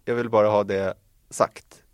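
A Swedish man co-hosting a casual motorsport podcast, giving measured, hedging explanations with fillers. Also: fairly low pitch, level tone, no echo, studio quality. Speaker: podcast co-host.

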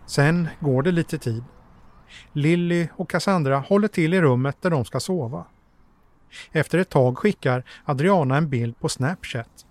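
A man giving calm, measured, scripted narration as a documentary narrator. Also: fairly high pitch, dry recording.

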